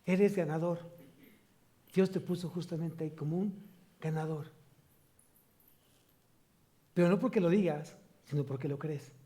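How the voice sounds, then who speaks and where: A man's voice: fairly high pitch, a little slow, pauses often, dark tone. A man with a Mexican Spanish accent preaching a sermon as pastor, asking the congregation rhetorical questions and rising to emphatic peaks.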